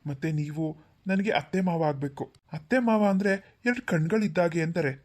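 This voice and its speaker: A woman's voice: fairly low pitch, brisk, a little mellow, natural voice. Woman voicing a proud, earnest cartoon young husband. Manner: earnest, pleading. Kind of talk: cartoon voice acting.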